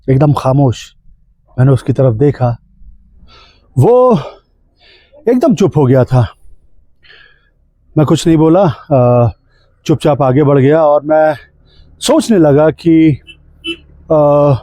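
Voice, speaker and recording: A man's voice: a little high, dark tone, dry recording. A man in his forties narrating a reflective, poetic travel story on a clip-on mic. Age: 40s. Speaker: vlogger narrator. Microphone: clip-on wireless mic.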